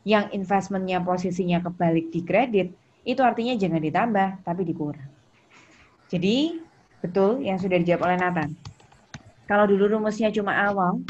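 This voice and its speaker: This Indonesian teacher has a lowish, somewhat mellow voice. In an interactive online accounting lesson she quizzes students by name, restates the main points and prompts answers, though the recording is muffled, lo-fi and noisy in the background.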